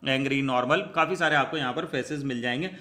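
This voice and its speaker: A man's voice: medium pitch, quick pace, sharp tone. A man giving a step-by-step screen tutorial, talking his viewers through each click and calling them friends. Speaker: tutorial host.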